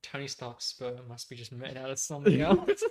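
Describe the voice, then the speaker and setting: A man's voice: medium pitch, lively intonation, normal speed, a crowd in the background. A man co-hosting a casual podcast livestream, chatty, laughing often and swearing casually. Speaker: podcast co-host.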